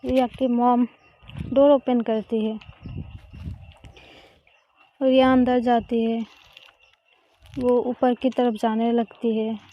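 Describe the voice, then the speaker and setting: A woman narrating a romance story in a plain, unhurried storytelling manner. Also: on the high side, flat delivery, highs cut off.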